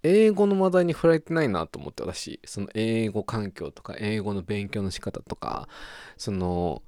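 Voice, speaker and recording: In a clear, resonant, lowish voice at a slightly slow pace, a young Japanese podcast host talks on his own in a relaxed, playful way. Wordplay and goofy sound effects fill his speech, and there's no room sound.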